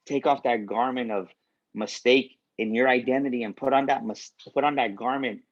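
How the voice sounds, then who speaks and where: A man's voice: lowish voice, dull audio. A man giving a faith-based motivational speech as a guest speaker, repeating key lines for emphasis.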